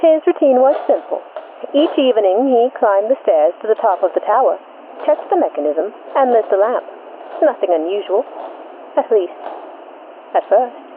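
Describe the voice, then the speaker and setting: A woman hosts and narrates a scripted mystery show in 1940s radio style, her expressive voice on the high side. She speaks in measured, deliberate, short suspenseful phrases, heard through a tinny, band-limited vintage radio filter with static.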